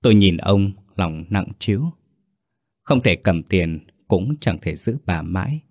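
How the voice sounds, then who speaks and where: A man narrating a ghost story in a steady, earnest first-person telling. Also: low voice, measured pace, no echo, clean studio sound.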